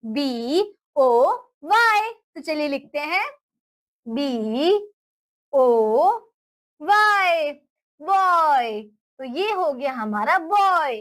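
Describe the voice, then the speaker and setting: A woman teaching a phonics lesson to young children, slowly spelling out words letter by letter and often praising her pupils. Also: high voice, expressive, a bit bright. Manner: slow, spelling letters out one by one.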